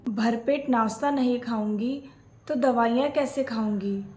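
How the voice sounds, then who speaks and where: A woman's voice: fairly high pitch, measured pace, dark tone, echoey room. A woman acting out a scripted family skit, playing both a mother-in-law and a daughter-in-law.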